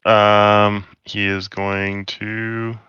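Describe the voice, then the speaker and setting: A man running a tabletop game as game master, giving unhurried, matter-of-fact rulings. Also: lowish voice, monotone, bright, forceful tone, smooth, no room sound, muffled recording.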